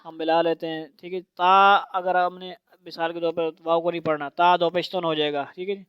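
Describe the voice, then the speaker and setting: A woman teaching Quran recitation to a child, spelling out syllables slowly for repetition and then explaining rules in quicker bursts. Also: on the low side, little pitch movement, smooth, lo-fi sound.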